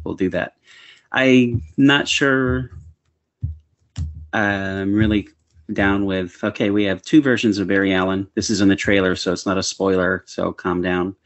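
A man co-hosting a casual podcast, upbeat and chuckling as he talks. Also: low-pitched. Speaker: podcast co-host. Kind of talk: casual chat about comic book films.

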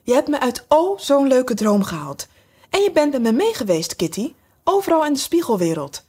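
A woman's voice: high-pitched, very animated, moderate pace, darkish tone, husky, voice pushed up, full character voice. Young girl Alice, voiced by a woman. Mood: coaxing. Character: young girl, curious and spirited. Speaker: storybook character voiced by narrator.

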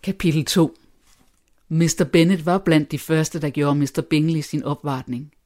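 A narrator reading an old novel aloud in a steady, measured tone. The voice sits in a middle register and stays calm and even throughout. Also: mid-range voice. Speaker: audiobook narrator. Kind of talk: scripted literary narration.

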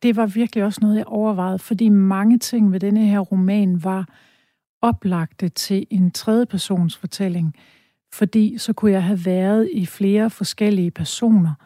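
A woman's voice: medium pitch, fairly even intonation, warm tone, no room sound, clean studio sound. A woman author reading from her novel and talking about her writing, with frequent hesitations and restarts. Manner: hesitant, many fillers and restarts. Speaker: author and guest. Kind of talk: reading aloud from her novel and interview talk.

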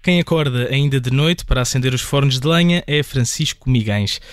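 A man, a radio reporter reading scripted narration in a measured way. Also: mid-range voice, no echo, studio quality.

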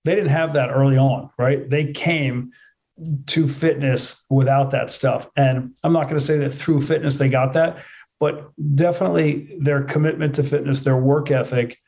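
A man's voice: medium pitch, fairly even intonation, normal speed, gravelly, a little mellow. A man giving conversational, matter-of-fact answers as a fitness trainer, repeating points for emphasis. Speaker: fitness trainer, interview guest. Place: remote video call.

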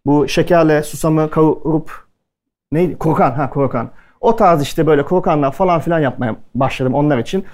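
At a culinary event, a man with a fairly high, slightly mellow voice tells stories to the audience a little fast. His delivery is casual and chatty, and he acts out the lines of the people in his anecdotes.

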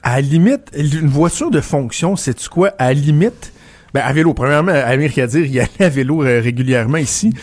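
A political commentator with a Québécois French accent tells anecdotes in casual radio chat, restarting often and repeating words. His voice is fairly high and expressive, fairly quick and darkish in tone, recorded dry.

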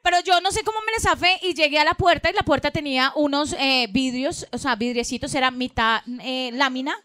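High-voiced, profane Colombian woman storyteller. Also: brisk, no echo, clean studio sound. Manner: animated, profane, acts out quotes. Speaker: podcast co-host telling a story. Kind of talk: live comedy podcast storytelling. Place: live show venue, Bogotá.

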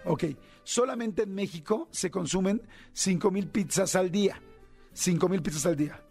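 A man's voice: high-pitched, normal speed, darkish tone, soft background music. A man with a Mexican accent hosting a radio show, chatting casually and joking, rambling with fillers as he thinks aloud. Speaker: radio host. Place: radio studio.

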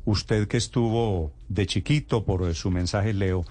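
A man's voice: on the low side, slow, mellow, husky. A man hosting a radio news interview, probing and politely cutting in. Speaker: radio host.

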